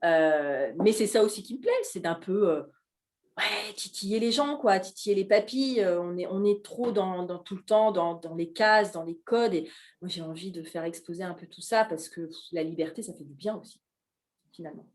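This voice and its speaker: A woman's voice: fairly low pitch, moderate pace. A middle-aged woman from Alsace, a guest chef chatting animatedly at a live café talk, with frequent hesitations. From Alsace, France. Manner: animated, hesitant with many fillers.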